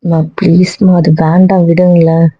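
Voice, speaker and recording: A woman acting as a young wife who gently soothes and coaxes her anxious husband, in an amateur serial drama. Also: fairly low pitch, flat delivery, moderate pace, dry recording, close to an everyday voice. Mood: refusing. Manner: soothing, coaxing. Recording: dull, dry lo-fi recording.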